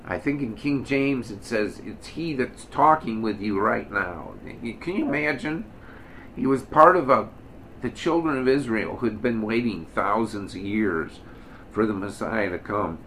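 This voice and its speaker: A man's voice: fairly low pitch, expressive, unhurried, fairly bright tone, slight background noise. An older man preaching in a plain-spoken, folksy way, now and then lifting his voice into emphatic quoted lines. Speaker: minister. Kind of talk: conversational sermon.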